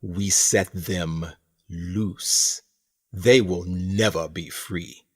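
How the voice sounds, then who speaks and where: Voicing a theatrical, self-satisfied prison colony captain for a radio play, the actor uses an exaggerated, low male voice with a breathy edge. His tone stays steady while he speaks pompously and condescendingly, deliberate in every word, sounding smug and menacing.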